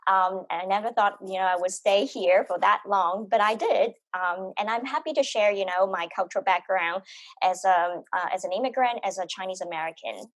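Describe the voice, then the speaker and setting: Woman, earnest, lots of "you know", mid-pitched, dry video call sound. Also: moderate pace, no room sound. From Hong Kong. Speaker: university wellbeing director. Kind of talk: panel introduction.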